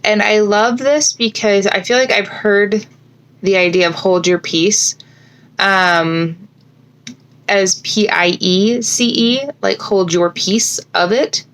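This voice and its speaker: A woman's voice: medium pitch, fairly even intonation, slow pace, fairly bright tone, low-quality recording. Chatty woman with slightly slurred, fat-lipped speech. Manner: informal, thinking aloud with frequent self-corrections. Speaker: scripture podcast host. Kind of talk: casual, chatty scripture reflection. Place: bedroom at home.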